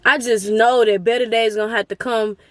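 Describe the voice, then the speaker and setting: A young woman, her voice pitched high. She speaks earnestly and with feeling, calling her viewers y'all. The sound is close and dry, with no room echo. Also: steady tone, fairly quick. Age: 20s. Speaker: vlogger. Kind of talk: casual motivational talk to camera.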